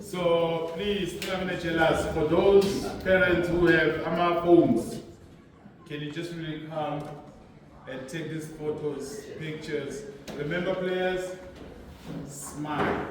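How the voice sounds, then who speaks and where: A man's voice: on the high side, steady tone, slow, background noise. A man giving a motivational speech to young players at an awards event, repeating phrases for emphasis. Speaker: speaker at a sports awards ceremony. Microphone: far from the mic. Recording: echoey hall, from far off.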